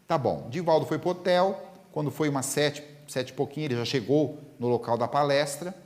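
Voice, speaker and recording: Lively lecturer in a hall. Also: male voice, fairly high pitch, fairly quick. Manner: animated storytelling that acts out the dialogue. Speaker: spiritist lecturer. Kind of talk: lecture told as anecdotes.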